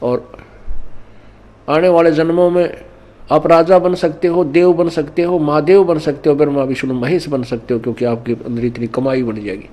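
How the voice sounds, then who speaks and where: A man's voice: fairly high pitch, steady tone, normal speed, a little mellow. A man preaching at an ashram gathering, teaching through couplets and parables. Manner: didactic, mixing in scripture couplets and parables. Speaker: spiritual teacher. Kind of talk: Hindi sermon.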